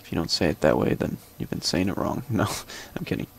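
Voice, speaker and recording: A young man chats through his let's-play session in a low, gravelly voice. He rambles, fills pauses with ums and uhs, and drops small joking asides while he plays. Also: lively intonation, slight background noise. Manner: rambling, thinking aloud with many fillers. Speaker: gameplay commentator. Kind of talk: casual let's-play commentary.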